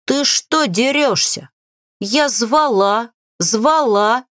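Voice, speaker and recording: A woman voicing a grumpy female talking spellbook in a creaky, whiny voice, complaining in drawn-out words. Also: on the high side, fairly bright tone, no room sound, clean studio sound, voice pushed up. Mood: indignant.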